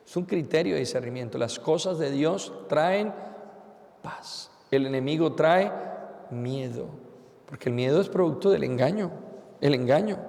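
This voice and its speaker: Gravelly-voiced priest preaching in a reverberant church. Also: male voice, on the high side, darkish tone. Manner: earnest preaching with rhetorical questions and repeated phrases. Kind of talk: sermon.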